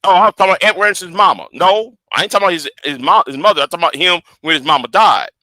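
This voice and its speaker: A livestream host in his forties argues heatedly with his audience, stammering and repeating words as he defends himself. His high voice is animated, pushed and bright, coming out rapid-fire on a dry recording.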